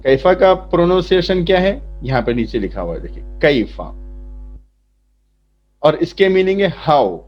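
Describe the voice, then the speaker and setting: Male teacher, slow and patient, fairly high voice, dull lo-fi recording. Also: sing-song, a little hiss or hum. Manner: slow, repetitive explaining, asks then answers. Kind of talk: lesson explaining a vocabulary chart. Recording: dull lo-fi sound.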